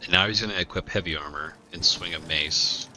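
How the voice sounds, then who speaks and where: Brisk and deep, with a bright, forceful tone, a man streams a video game and peppers his play with sarcastic, joking remarks. Game music runs beneath the casual commentary.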